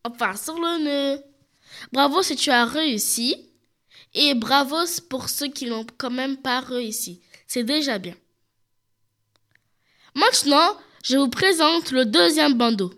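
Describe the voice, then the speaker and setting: A high-pitched woman with a bright, sharp tone hosts a product showcase and speaks slowly. She talks straight to the viewers and walks through each item in detail. She has a cold, so her voice sounds a little stuffy. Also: expressive. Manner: addresses viewers directly, describes items in detail. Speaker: show host presenting products. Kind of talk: scripted product presentation.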